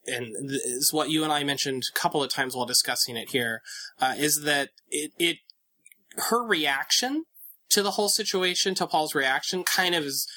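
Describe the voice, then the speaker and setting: A man's voice: a little high, pushed and bright. A man co-hosting a casual podcast chat, thinking aloud with many fillers and restarts. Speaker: podcast co-host.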